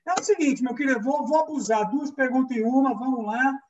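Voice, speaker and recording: A Brazilian man hosts a weekly online interview programme in an upbeat, informal, friendly and enthusiastic manner. His voice is very high-pitched and fairly quick. The recording sounds distant, dull and lo-fi, with background noise.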